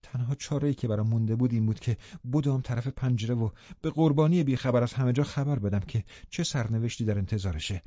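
Sombre male audiobook narrator, dark tone. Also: medium pitch, dry recording. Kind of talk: scripted narration. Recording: muffled lo-fi recording.

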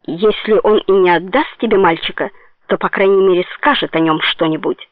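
A woman's voice: medium pitch, normal speed, no room sound, lightly acted. Woman playing a jeering old hag. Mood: scornful. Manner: jeering, bossy. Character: scheming mocking old woman procuress. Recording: tinny phone-like dry sound.

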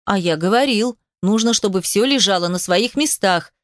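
A woman's voice: mid-range voice, expressive, moderate pace, dry recording, studio quality, lightly acted. A woman voicing a self-important man, the narrator's ex-husband, who grumbles, sulks and takes offense. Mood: pompous.

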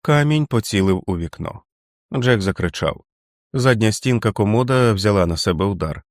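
A man narrating an audiobook in a measured, dramatic reading. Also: fairly low pitch, dry recording, clean studio sound.

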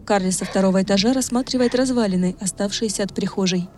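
A woman's voice: medium pitch, quick pace. A woman reading scripted audio description of a film as its narrator, in present tense. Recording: voice-over on loud film music. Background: film music.

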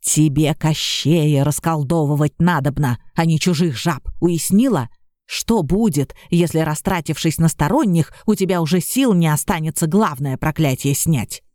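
A woman voicing a gruff grumbling serpent. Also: lowish voice, lively intonation, normal speed, hardly any pauses, a little mellow, no echo, studio quality, voice pushed down, close to an everyday voice. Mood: scolding. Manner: scolding, hissing threats. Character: gruff male serpent guardian, grumpy and protective.

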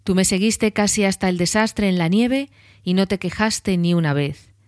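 A woman's voice: mid-range voice, normal speed, darkish tone, no echo, clean studio sound, natural voice. A woman voicing Aragorn, a weathered and watchful ranger, solemn in tone.

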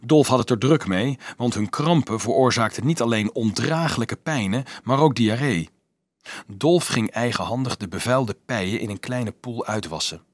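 A man reading a novel aloud in an expressive, storytelling way. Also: medium pitch, normal speed, no room sound. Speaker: audiobook narrator. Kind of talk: scripted narration.

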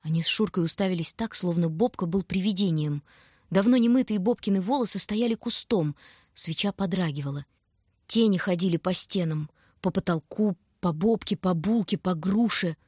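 A woman narrating an audiobook in a measured, even storytelling manner. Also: fairly low pitch, husky, dry recording, clean studio sound.

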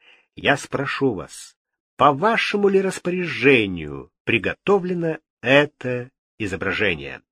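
Man doing a calm bold noble guy, slow and steady. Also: mid-range voice, slightly rough, heavily acted. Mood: firm. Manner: calm, firm. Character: composed, bold male nobleman accuser.

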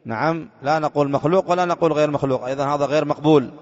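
Man from yemen, religious lecture, rhetorical questions, fairly high voice, muffled lo-fi sound. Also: racing. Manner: poses rhetorical questions to listeners then answers them. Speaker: religious teacher. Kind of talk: explaining a creed text in a lecture. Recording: dull lo-fi lecture recording.

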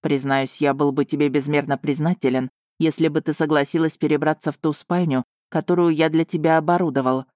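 A charming young duke who teases softly, his voice dropped low and close, as a woman reads him. It sounds dry and near, with no room around it. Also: steady tone, fairly quick, few pauses, no echo, natural voice. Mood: coaxing. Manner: gently teasing, lowered voice.

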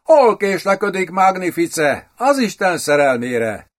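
A man's voice: high-pitched, very animated, voice pushed up. A man voicing an anxious court clerk in an audiobook, who speaks in stiff, old-fashioned formal phrases. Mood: flustered. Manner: anxious, archaic formal speech. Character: flustered young court clerk. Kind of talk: audiobook character voice.

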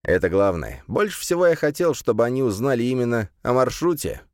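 A man voicing a calm, enigmatic police commissioner who speaks softly and unhurriedly. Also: mid-range voice, fairly quick, no room sound, studio quality, pitched above the performer's own voice, lightly acted.

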